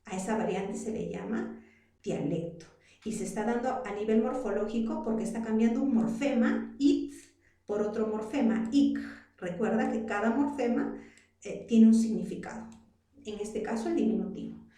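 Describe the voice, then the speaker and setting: A woman's voice: fairly high pitch, normal speed, warm tone. Peruvian woman teacher in an echoey room. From Arequipa, Peru. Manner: explains patiently, asks the students rhetorical questions. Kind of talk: classroom lesson. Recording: very echoey room, voice far from mic.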